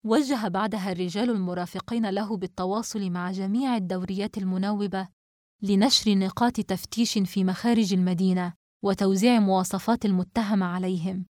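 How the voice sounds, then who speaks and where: A woman narrating a novel as an audiobook, in a steady, even storytelling manner. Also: mid-range voice, fairly quick, dry recording, clean studio sound.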